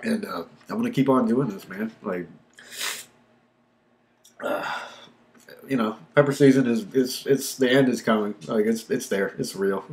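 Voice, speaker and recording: Speaking on the low side and a little mellow, a man takes a measured pace with frequent pauses during a casual, unscripted pepper-tasting vlog. He's laid-back and rambling, heavy on ums and likes, and sighs and pants from the burn.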